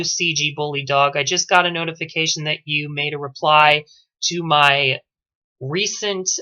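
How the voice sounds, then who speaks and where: Bright-voiced woman giving lo-fi sports takes. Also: low voice. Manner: animated, with frequent self-corrections. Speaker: sports vlogger. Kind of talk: opinionated sports commentary. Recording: dull lo-fi audio.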